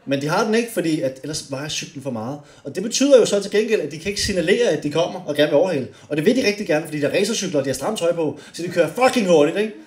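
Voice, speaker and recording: A young man doing stand-up comedy on a club stage, animated and often shouting his punchlines. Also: on the high side, hardly any pauses. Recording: roomy club with faint noise.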